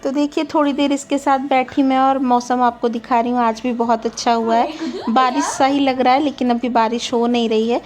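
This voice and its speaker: Young mom vlogger narrating her kitchen chat, mellow tone, even and unhurried in her explaining. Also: high-pitched. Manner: chatty, explanatory, with fillers and self-corrections. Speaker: home vlogger and mother. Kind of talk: casual voice-over narration of home cooking.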